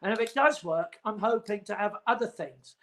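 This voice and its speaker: Chatty high-voiced man hosting from home. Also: normal speed, a bit bright. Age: 40s. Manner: rambling, teasing, chatty. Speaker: host. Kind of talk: casual livestream chat.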